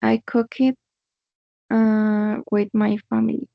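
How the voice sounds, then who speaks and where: Brief: hesitant female learner, very slow, flat and gravelly, over muffled dry call audio. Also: a little high, no room sound. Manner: hesitant, halting reading of English. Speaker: student. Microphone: video call.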